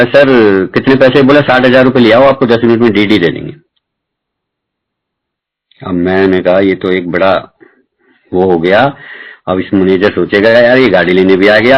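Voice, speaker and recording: Middle-aged guy with a lowish voice telling a story, does both sides of the talk, dull lo-fi sound. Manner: chatty, acts out both sides of conversations. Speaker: devotee sharing a testimony. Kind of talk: storytelling testimony at a satsang. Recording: dull lo-fi recording.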